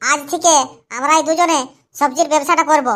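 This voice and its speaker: A performer voicing a squabbling young boy in a cartoon, with a squeaky, high child voice and quick, whiny bickering. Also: steady tone, a bit bright. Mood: pleading. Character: squabbling young boy, street vegetable seller. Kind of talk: cartoon voice acting.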